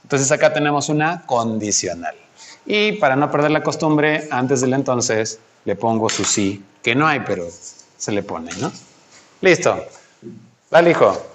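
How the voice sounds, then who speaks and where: Against slight background noise, a man of medium pitch tutors a student in logic exercises, very animated but a little slow. As a math tutor he is patient and coaxing, posing many questions.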